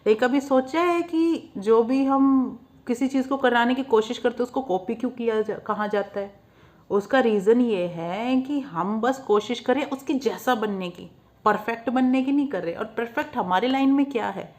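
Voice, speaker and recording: A woman's voice: on the high side, normal speed, darkish tone. A young woman from Haryana with a Haryanvi accent, talking bluntly to camera in a casual monologue and laughing at her own jabs. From Haryana, India. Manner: blunt and outspoken, mixing Hindi with English words and laughing at her own jabs. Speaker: vlogger.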